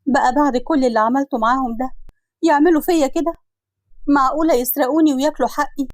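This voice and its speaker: A woman's voice: a little high, fast, a little mellow, no room sound, natural voice. A woman with an Egyptian Arabic accent voicing a generous married woman wronged by her siblings, speaking emotionally. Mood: indignant. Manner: emotional, pleading, indignant.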